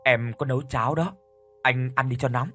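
A man voicing a gentle, caring middle-aged wife who speaks attentively to her husband. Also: mid-range voice, fairly even intonation, normal speed, soft background music, lightly acted. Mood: cheerful.

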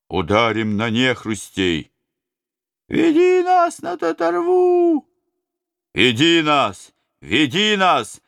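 A man voicing a band of rough outlaws in an audiobook, crying out in high raised voices. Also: pushed and bright, no echo, studio quality, exaggerated voice. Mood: rousing. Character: band of rough Russian outlaws, men of mixed ages, rousing. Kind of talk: audiobook reading.

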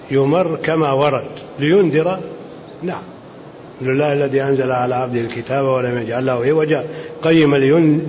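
An older man from Saudi Arabia, an Islamic scholar answering questions in a measured, explanatory lecture, reading each question aloud and then rebutting it. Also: mid-range voice, a little mellow. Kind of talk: religious Q&A lecture. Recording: muffled lo-fi lecture recording with faint hiss.

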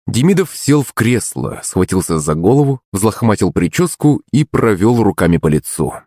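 A man narrating an audiobook in an expressive, dramatic storytelling style. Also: lowish voice, normal speed, dry recording, clean studio sound.

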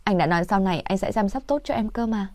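A woman's voice: mid-range voice, quick pace, darkish tone, dry recording, voice pushed up, close to an everyday voice. Woman doing a tearful clingy young woman. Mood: tearful begging. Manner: pleading, tearful.

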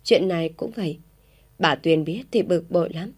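A woman narrating a village story in a steady, even storytelling manner. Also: lowish voice, normal speed, slightly rough.

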